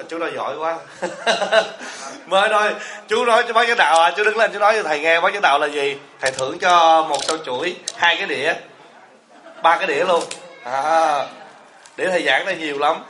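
A man's voice: fairly high pitch, fairly quick, sharp tone, a little hiss or hum. A man giving a humorous sermon as a Buddhist monk teacher, asking the audience rhetorical questions and joking with them. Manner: asks the audience rhetorical questions, jokes and teases. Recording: echoey hall.

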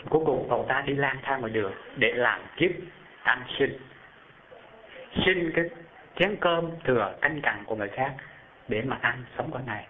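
A man delivers a storytelling sermon in a slightly high voice, quizzing his listeners as he goes and climbing sharply in pitch for emphasis. The recording sounds thin and phone-like. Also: slight background noise. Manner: animated, asks the audience questions, rises high when describing. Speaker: Buddhist preacher telling a story. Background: live audience.

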